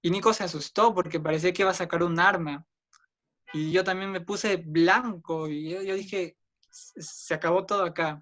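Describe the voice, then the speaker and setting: A man's voice: steady tone, normal speed, fairly bright tone, muffled recording. A young man with a Peruvian accent telling his own story in an interview, earnest, raising his voice when he acts out what others said. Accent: Peruvian Spanish. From Peru. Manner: earnest, acts out others' lines with raised pitch.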